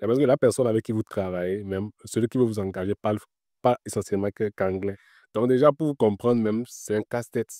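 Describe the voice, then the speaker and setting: A man working in Web3 is being interviewed, handing out casual career advice in an explanatory way, repeating his points and using lots of filler words. His voice is on the low side, brisk and mellow. The sound is studio quality with no echo.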